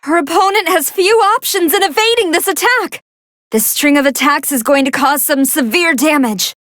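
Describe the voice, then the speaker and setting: In a heavily acted performance, a woman plays a female android scientist, polite and soft-hearted, serving as match commentator with formal, earnest, expressive commentary on video game fights. Her voice is very high-pitched, and the recording is dry with clean studio sound.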